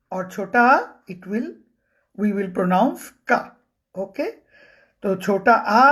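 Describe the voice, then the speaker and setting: Woman teaching kids their letters, super slow, repeats every sound, mixes in english. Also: medium pitch. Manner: slow, repeats each sound, switches between Hindi and English. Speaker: Hindi teacher for children. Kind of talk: slow, patient language lesson.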